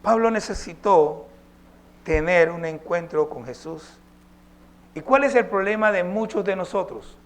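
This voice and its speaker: High-voiced man preaching a sermon. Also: a little slow. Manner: emphatic, poses rhetorical questions to the congregation. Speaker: pastor.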